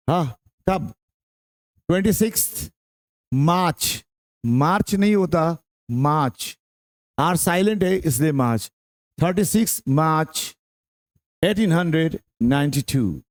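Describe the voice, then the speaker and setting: A man's voice: a little high, darkish tone. A male English teacher with a Bihari Hindi accent giving a classroom-style lecture, drilling pronunciation by repeating words and checking that students understand. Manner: mixes in English terms, asks students if they understood.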